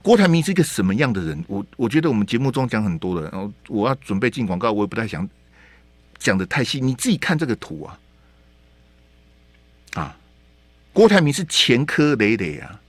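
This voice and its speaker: 一位带台湾口音的男电台主持人，语气激动地评论时事，常连声反问、重复字句。. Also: male voice, on the low side, big pitch swings, a little fast, long pauses, no room sound. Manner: heated, rhetorical questions, repeats words. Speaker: radio talk show host. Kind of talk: opinionated political commentary. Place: radio studio.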